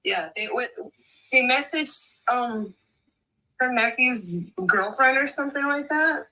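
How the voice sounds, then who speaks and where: A woman's voice: high-pitched, slow pace, bright, forceful tone, rough recording. A woman in her thirties in casual chat, blunt and swearing freely.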